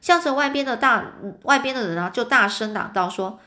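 A woman reads a detective story aloud. Her delivery is relaxed and chatty, strewn with filler particles, and her voice sits fairly high. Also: brisk. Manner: casual, with many filler particles. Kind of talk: storybook reading.

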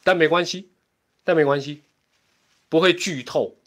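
With a voice on the high side, fairly bright in tone and moderate in pace, a middle-aged Taiwanese-accented man hosts a casual livestream at home. He is talkative and wandering, often laughing between asides.

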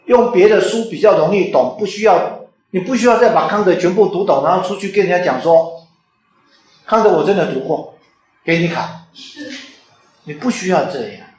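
Teacher man, high voice, echoey room. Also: normal speed, long pauses, darkish tone. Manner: conversational, often checks in with rhetorical "OK?". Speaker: author and teacher. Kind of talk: informal lecture.

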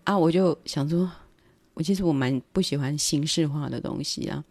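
A woman's voice: sits low, moderate pace, a little mellow, dry recording. A middle-aged woman with a Taiwanese Mandarin accent, hosting a livestream and chatting casually about her family, acting out her parents' words as she goes. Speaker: livestream host. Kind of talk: casual storytelling.

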